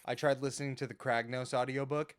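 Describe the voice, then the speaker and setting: A young man co-hosting a podcast, chatting casually, excitable and quick to laugh. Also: medium pitch, crowd noise. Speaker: podcast co-host. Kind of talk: casual chat.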